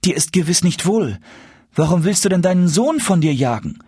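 A man's voice: fairly high pitch, sing-song, measured pace, breathy edge, no room sound, clean studio sound, voice pushed up, exaggerated voice. A man voicing a bewildered, tender son turned dwarf in a fairy tale, speaking with earnest pleading. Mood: frightened, hurt. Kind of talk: storybook character voice in a fairy tale reading.

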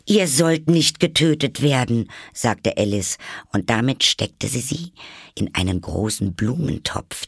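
A man reading a storybook aloud as narrator, with expressive delivery. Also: on the low side, creaky, slightly rough, no echo, clean studio sound. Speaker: audiobook narrator.

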